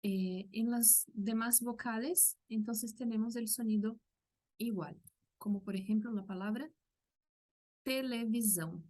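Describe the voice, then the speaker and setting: A woman's voice: on the high side, unhurried, dark tone. A woman from Brazil with a Brazilian Portuguese accent and Portuguese as her first language, teaching a language lesson patiently and demonstrating sounds carefully.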